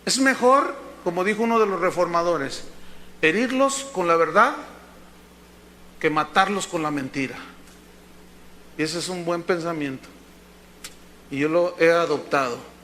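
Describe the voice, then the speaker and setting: A man preaching an animated sermon as pastor, acting out dialogue and at times breaking into shouts. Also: a little high, measured pace, long pauses, a little hiss or hum. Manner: lively, acts out dialogue with bursts of shouting.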